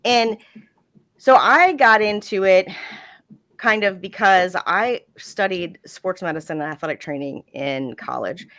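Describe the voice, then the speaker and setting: A woman's voice: medium pitch, measured pace, a bit bright. A woman dispatcher telling a story in casual podcast chat, chatty and full of "like"s. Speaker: 911 dispatcher and podcast guest.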